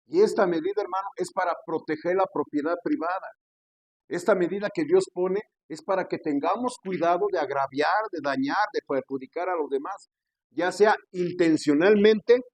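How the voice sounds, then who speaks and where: A man's voice: no room sound, poor audio. A male pastor preaching a sermon, asking rhetorical questions, adding "¿verdad?" after phrases and calling his listeners brother. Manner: slows and rises in pitch on key scripture phrases.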